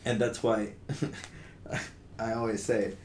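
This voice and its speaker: In a roomy recording with faint noise, a young man co-hosting a podcast talks with a lowish, slightly mellow voice. His delivery is flat and his pace slow, and he speaks earnestly in casual discussion, stumbling through many fillers and restarts.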